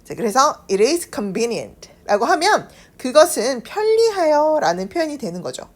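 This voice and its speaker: With a Korean accent, a woman leads a scripted online English lesson, speaking slowly and carefully and stretching out each model sentence. Her voice is high and very animated.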